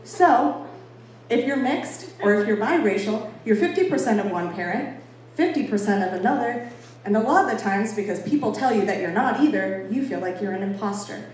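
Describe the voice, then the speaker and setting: Speaking at normal speed, this American woman from Boston has an expressive, mid-range voice with a darkish tone. Her informal talk to an audience is emphatic, chatty and playfully self-deprecating. The echoey indoor space comes through a distant mic, with some faint background noise.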